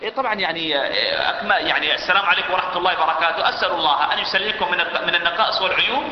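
Guy teaching a religion class really fast, says stuff twice, asks the room questions, big echoey hall, kinda dull sound. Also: sits high, animated. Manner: repeats key phrases and asks the audience rhetorical questions. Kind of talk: religious lesson to a seated audience.

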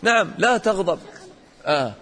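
A man teaching a religious lesson to children, questioning the class and acting out examples in an animated way. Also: high voice, moderate pace, big-room sound.

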